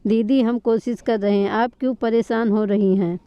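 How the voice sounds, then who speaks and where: A woman's voice: on the high side, steady tone, moderate pace, smooth, no room sound, lightly acted. A woman reading the part of a playful, cheeky teenage younger sister in a family story. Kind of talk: storytelling read-aloud. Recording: dull lo-fi recording.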